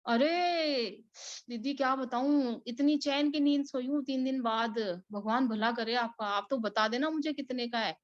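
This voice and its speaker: A woman's voice: high-pitched, unhurried, dry recording. A woman voicing a shy young housemaid who gives short, mumbled replies. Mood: relieved, grateful. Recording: dull, dry recording.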